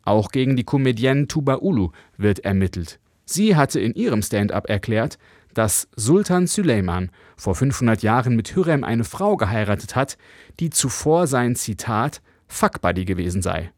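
Male correspondent, measured news read, dry booth sound, mid pitch. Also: sing-song, darkish tone, dry recording. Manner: measured, clear reporting delivery. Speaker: foreign correspondent. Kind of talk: radio news report.

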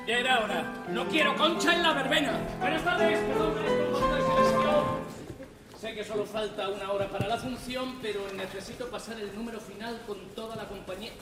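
A man's voice: extremely high pitch, brisk, recorded from a distance. A man acting an exasperated, imperious theater director in stage comedy. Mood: impatient. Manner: sarcastic, imperious. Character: exasperated, bossy male theater director rehearsing a zarzuela. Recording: echoey hall from afar, music behind.

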